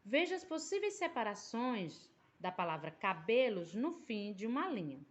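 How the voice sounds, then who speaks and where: A woman's voice: mid-range voice, big pitch swings, normal speed, highs cut off. A woman teaching a primary school language lesson, explaining patiently and drawing out syllables, with a Brazilian Portuguese accent. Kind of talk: recorded remote class lesson.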